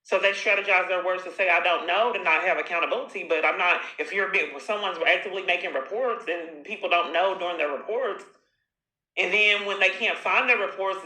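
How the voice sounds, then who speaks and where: A woman with a lowish, sharp-toned voice records her own phone call in an echoey room. She confronts the other person insistently and accusingly, sliding into long, repetitive monologues.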